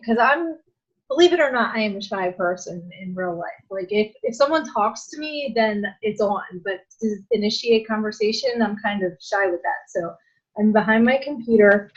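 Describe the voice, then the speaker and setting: A woman coach chatting casually on a group call, animated and self-deprecating. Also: mid-range voice, breathy edge, highs cut off. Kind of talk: casual chat.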